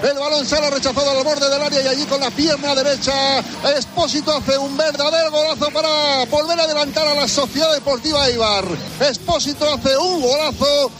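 A man giving excited, breakneck goal commentary as a football commentator, shouting out the goal. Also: very high-pitched, fairly quick, few pauses, noisy background.

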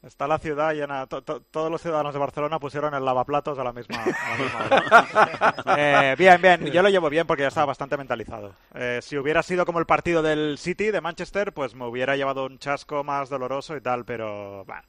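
A man's voice: mid-range voice, quick pace, few pauses, fairly bright tone, no room sound. A man with an accent from Spain, a football commentator talking in casual conversation. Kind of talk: casual chat.

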